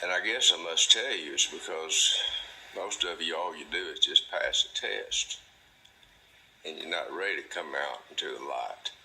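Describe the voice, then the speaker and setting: A man speaks in a low, forceful, bright-edged voice. He drawls in a slow, deliberate, folksy way, like someone talking straight to camera. A faint ambient hush sits behind him. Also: a little hiss or hum, rough recording. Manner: drawling, folksy, mimics a delighted parent in a high voice. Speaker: host. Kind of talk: monologue to camera.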